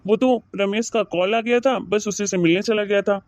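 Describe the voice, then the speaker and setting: A woman voicing an easygoing young uncle in a cartoon story, calm and reasonable. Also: medium pitch, normal speed, no room sound, natural voice. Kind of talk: cartoon voice acting.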